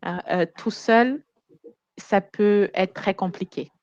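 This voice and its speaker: A woman's voice: medium pitch, slow pace, darkish tone, dull audio, slight background noise. A woman hosting a video-call conversation, talking casually with frequent fillers and encouraging murmurs. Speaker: host. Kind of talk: casual chat.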